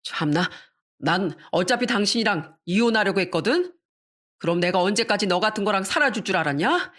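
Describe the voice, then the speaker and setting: A woman's voice: medium pitch, expressive, brisk, a bit bright. A scornful cheating husband, read by a woman. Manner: scornful, curt. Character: cheating husband, middle-aged, dismissive and cold.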